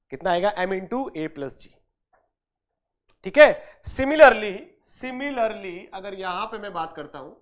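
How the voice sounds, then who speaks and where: A high-pitched man teaches an online engineering exam-prep class. He fields his own questions, goes back over points, refers to students as dear and brother, and drops English technical terms into his speech.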